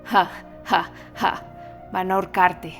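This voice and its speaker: A woman's voice: lowish voice, flat delivery, takes it slowly, a bit bright, faint music behind. A woman voicing a deranged, grieving old female recluse who raves and mocks in a singsong, in a storybook reading. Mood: cackling. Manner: mocking singsong, raving.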